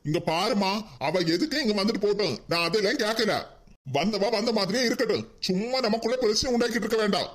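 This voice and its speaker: A man's voice: high voice, fast, a bit bright. A man voicing an exasperated married son in a cartoon, with a Kanyakumari Tamil accent, pleading and reasoning with his mother. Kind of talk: cartoon voice acting.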